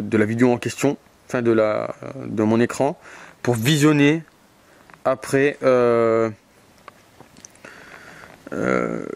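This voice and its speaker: A ghost hunter vlogger explores an abandoned brickworks alone, anxious and hesitant, thinking aloud with lots of fillers and raising his voice to call out to spirits. His medium-pitched voice is clear and resonant with vocal fry, recorded on a portable recorder while he wears headphones.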